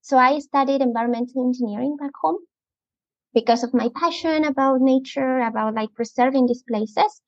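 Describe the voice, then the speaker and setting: A woman in her thirties from Ecuador, with a Latin American Spanish accent, chats as a guest in a casual interview about her work as an outdoor preschool educator. Her high-sitting voice moves at a moderate pace, and she's enthusiastic, chatty, and laughs often. There's no room sound, though the podcast audio is muffled and lo-fi.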